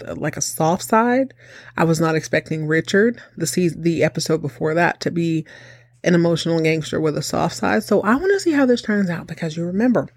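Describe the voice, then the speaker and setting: A woman's voice: fairly low pitch, dry recording, clean studio sound. A woman hosting a TV recap show with casual, chatty commentary and a campy, sassy, theatrical delivery. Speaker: host of a TV soap recap show.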